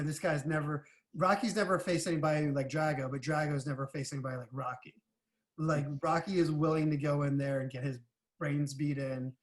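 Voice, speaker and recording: A man co-hosting a casual movie podcast, repeating words as he builds his point. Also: a little high.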